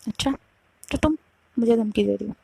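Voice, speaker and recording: A woman's voice: fairly high pitch, brisk, gravelly, warm tone, a little hiss or hum. A woman voicing a possessive, volatile young woman who insists on answers in a storytime love drama. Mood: demanding.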